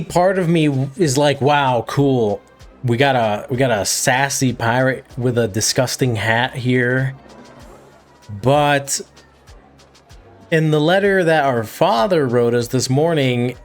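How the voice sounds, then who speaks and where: A man hosting a gaming video, thinking aloud in casual, wry let's-play commentary. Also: a little high.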